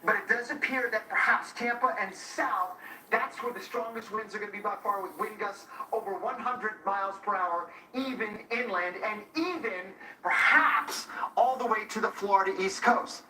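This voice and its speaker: A man presenting a live forecast as a TV weather expert, deliberate and emphatic, repeating key points. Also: sits high, pushed and bright. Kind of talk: live forecast explanation and handoff. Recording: roomy, distant sound with faint noise.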